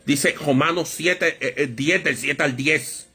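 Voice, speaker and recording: A man preaching a Bible study sermon, with a lively storytelling manner that acts out voices in anecdotes. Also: a little high, slow pace, breathy edge.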